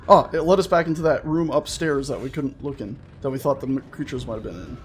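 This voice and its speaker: Talking fast in a mid-range voice, a male gaming host rambles through let's play commentary, often breaking off his own sentences with playful wording. Game music and slight background noise are audible.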